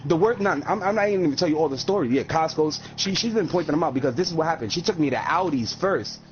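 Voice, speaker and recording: A man in his thirties telling a story in casual, profane chat, animated and ranting as he goes. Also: on the high side, fast. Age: 30s. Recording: dull lo-fi sound with faint noise.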